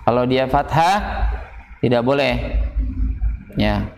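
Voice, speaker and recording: A man's voice: medium pitch, takes it slowly, gravelly, a little hiss or hum. A man teaching Quranic recitation in a small prayer room, patiently drilling syllables and having students repeat after him. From Indonesia. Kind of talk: tajwid lesson with call-and-repeat drills. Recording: echoey room with long reverb.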